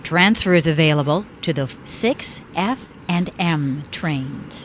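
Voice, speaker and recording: Low, slow woman in spliced-word announcements. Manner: clipped, even, formal delivery. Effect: words spliced together from separate recordings. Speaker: recorded train announcer. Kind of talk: automated transit announcement. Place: subway train carriage. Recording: lo-fi train speaker with faint rumble.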